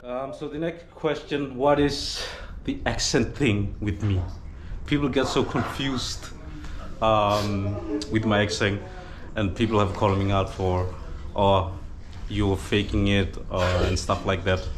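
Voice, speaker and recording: At a Fijian village gathering, a young Danish man in his twenties chats casually as a vlogger, hesitantly fielding viewer questions with plenty of fillers. His accent is Danish with a Fijian tinge; his fairly low voice stays steady and slow over a noisy background.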